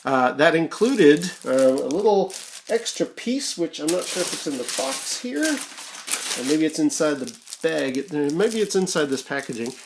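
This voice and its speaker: This Canadian YouTuber is very animated yet unhurried, talking casually through an unboxing in a medium-pitched voice. The rambling, hesitant thinking-aloud is recorded on an amateur home microphone against a noisy background.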